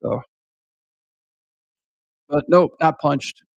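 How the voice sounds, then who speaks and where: A man with a gravelly, creaky voice talks casually and swears a lot, trailing through sentences with constant filler words. He sits close to the mic in a dry, dead room with no echo. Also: fairly high pitch, extremely slow. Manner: rambling, profane, heavy use of filler words. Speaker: podcast guest recounting a haunted house job. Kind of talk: casual chat.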